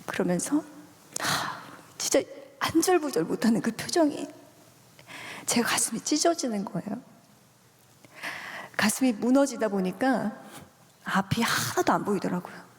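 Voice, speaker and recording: A woman's voice: fairly high pitch, lively intonation, a little slow, pauses often. A woman giving an emotional faith testimony, earnest and often dropping to a whisper. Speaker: guest giving a personal testimony. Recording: long hall reverb.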